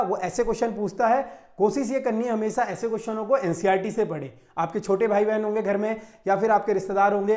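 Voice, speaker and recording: His voice is high-pitched with a darkish tone. The Uttarakhand teacher walks students through a Hindi exam-prep lesson one step at a time, often pausing to check on them with "theek hai."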